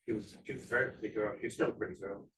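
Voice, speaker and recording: A man's voice: on the low side, fairly even intonation, very fast, a bit bright. A man making casual small talk and asking questions among colleagues. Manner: chatty, asks questions. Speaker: meeting participant. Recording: distant mic with faint background noise.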